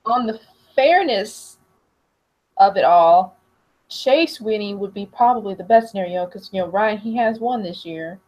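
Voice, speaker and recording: A woman's voice: medium pitch, lively intonation, measured pace. A young woman co-hosting a podcast, chatting casually, laughing and often restarting her sentences. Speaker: podcast co-host. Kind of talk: casual chat. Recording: slightly dull lo-fi audio.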